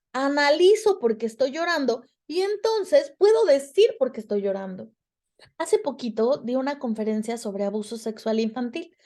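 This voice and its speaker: A woman's voice: high voice, a little mellow. A woman with a Mexican Spanish accent giving a reflective talk to students about emotions, speaking expressively and acting out quoted dialogue.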